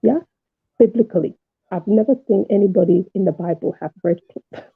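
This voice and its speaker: Here a woman with a husky, mid-range voice and vocal fry calls remotely into an online talk show. She speaks fairly quickly, relating a personal story in a relaxed, chatty way and re-enacting conversations. The line sounds muffled and dry, without any room sound.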